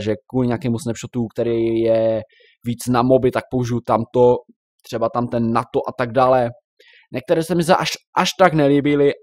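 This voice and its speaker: A man's voice: medium pitch, no echo, studio quality. Chatty young man commenting on gameplay. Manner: chatty, reacts loudly to in-game mobs. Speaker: Minecraft YouTuber.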